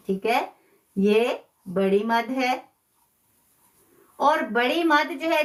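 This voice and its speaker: A woman teaching a live online Quran class, patiently repeating key phrases and slowing down to demonstrate pronunciation. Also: sits high. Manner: stretches words slowly when demonstrating pronunciation.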